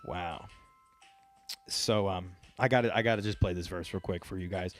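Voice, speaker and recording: A man's voice: low voice, normal speed, faint music behind. A man in his thirties hosting a podcast, rambling in casual chat with lots of swearing and jokes. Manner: rambling, profane, joking. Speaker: podcast host.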